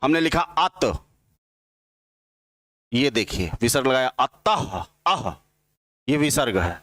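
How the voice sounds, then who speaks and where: A man teaching grammar in an exam-prep lecture, dictating slowly and repeating each line so students can write it down. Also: medium pitch, expressive, fairly bright tone, no room sound. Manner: slow dictating, repeating lines for notes; spells out vowel sounds one by one.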